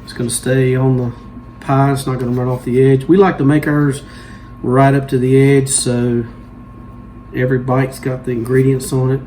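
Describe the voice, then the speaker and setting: This is a home-cooking-host type: a man of medium pitch offering casual, folksy kitchen instructions at an even, moderate speed. There's a clearly audible layer of noise in the background.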